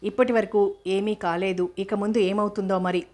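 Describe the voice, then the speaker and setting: A sharp-tongued young actress who snaps and scolds, as a woman reads her lines aloud. Her voice stays mid-pitched and flat in melody, brushing people off in short, cold sentences. A storybook reading. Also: moderate pace, lightly acted. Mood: irritated. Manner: curt and scolding.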